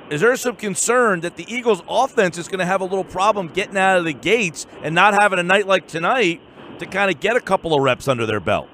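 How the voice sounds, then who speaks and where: A man's voice: a little high, a bit bright, a little hiss or hum. A man working as a sports radio host, introducing and questioning a reporter in a conversational way.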